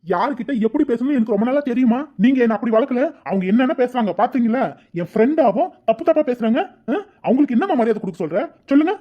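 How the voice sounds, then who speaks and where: In a cartoon, a performer voices a defiant young man arguing back at his aunt in protest. The delivery is medium-pitched, expressive, very fast and lightly acted. The lo-fi audio sounds dull, with faint music underneath.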